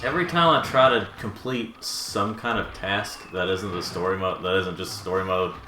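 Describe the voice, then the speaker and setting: A man co-hosting a gaming session chats casually while playing, rambling with lots of fillers and restarts. His voice is low at a moderate pace, in an echoey room with faint noise.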